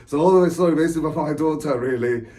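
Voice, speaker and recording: A man's voice: on the high side, very fast, mellow. Author, male, 40s; loose, digressive monologue, laughs a lot, repeats phrases. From England. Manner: chatty, digressive, laughs often, repeats himself. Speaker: author and spiritual coach. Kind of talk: rambling personal monologue.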